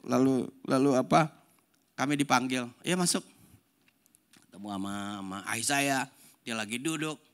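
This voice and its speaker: An older man, a pastor, preaching a sermon and telling a family story, swinging between loud emphatic lines and hushed, soft passages. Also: medium pitch, moderate pace, pauses often, smooth.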